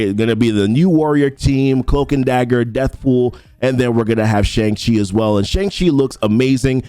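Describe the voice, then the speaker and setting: This mobile game content creator, a young adult man, has a mellow mid-range voice captured with no room sound. He casually comments on a game update, reading the ability text aloud and rambling, frequently starting his thoughts over.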